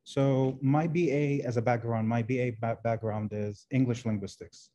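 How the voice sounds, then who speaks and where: Mellow-voiced Kuwaiti man on a video call. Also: medium pitch, fairly even intonation, normal speed, highs cut off. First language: Arabic. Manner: hesitant, many fillers and restarts. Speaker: guest, translation professor. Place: indoor room.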